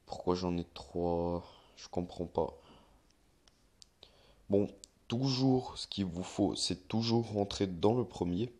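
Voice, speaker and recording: A young man with a very low, deep voice talks viewers through a phone tutorial in a loose, unscripted way. He rambles, hesitates with fillers, and corrects himself as he goes. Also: slow, pauses often, mellow. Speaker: YouTuber giving a tutorial. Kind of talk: casual screen-recorded tutorial.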